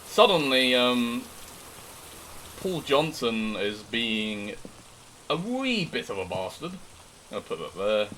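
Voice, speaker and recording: A man doing live horror game commentary, chatting casually to viewers in an animated, excitable way with jokey asides. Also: medium pitch, slow pace, long pauses, slight background noise, poor audio. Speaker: game streamer.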